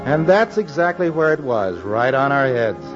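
A man's voice: medium pitch, very animated, normal speed, music in the background, natural voice. A man playing a defiant, plain-spoken American merchant seaman in a 1940s radio drama style, with a stubborn streetwise manner. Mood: plain-spoken recounting. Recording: muffled old radio recording with hall reverb.

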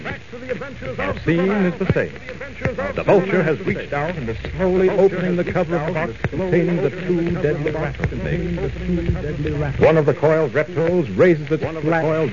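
A man's voice: on the high side, animated, a little slow, crowd noise. Theatrical male radio narrator, vintage sound. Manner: theatrical, suspenseful. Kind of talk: dramatic 1940s radio serial narration. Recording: muffled old radio broadcast recording.

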